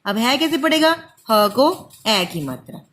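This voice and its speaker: High-voiced woman teaching small children. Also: sing-song, a little slow, fairly bright tone, slight background noise. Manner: patient, stretches out sounds syllable by syllable, calls listener "beta". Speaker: primary school teacher. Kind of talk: slow spelling-out lesson for young children.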